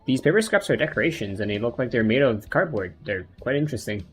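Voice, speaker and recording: A man voicing a calm, dryly teasing companion from a video game, polite and measured, in an amateur read-aloud. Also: medium pitch, soft background music, close to an everyday voice.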